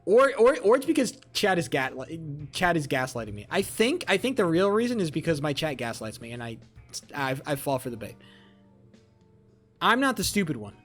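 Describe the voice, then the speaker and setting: A man's voice: on the high side, big pitch swings, normal speed, a bit bright, soft background music. A man in his twenties chatting casually on a live stream, swearing freely and rambling back at his chat. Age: 20s.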